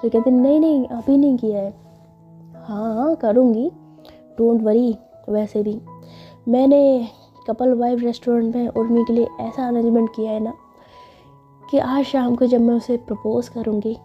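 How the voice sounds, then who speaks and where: A woman's voice: a little high, fairly even intonation, measured pace, long pauses, close to an everyday voice. A woman storyteller voicing a confident, scheming young woman who speaks in a self-assured way. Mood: smug. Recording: slightly dull with faint music.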